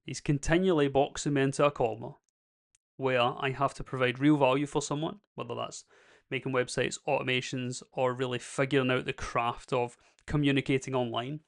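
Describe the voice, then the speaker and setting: A man's voice: mid-range voice, fairly even intonation, a little fast, vocal fry. A young man talking casually to camera, rambling with lots of "basically" and "like" fillers. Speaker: creator vlogging. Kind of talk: casual reflective monologue.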